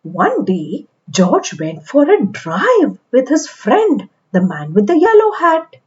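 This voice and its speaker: Lo-fi sound captures a high-pitched woman reading a picture book to young children, her storytelling expressive and deliberate.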